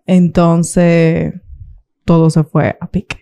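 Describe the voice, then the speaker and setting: Young Dominican woman, interview guest, casual and animated, Dominican accent. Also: lowish voice, takes it slowly, vocal fry. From Dominican Republic. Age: young adult. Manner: animated, acts out quoted voices, laughs often. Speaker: guest YouTuber.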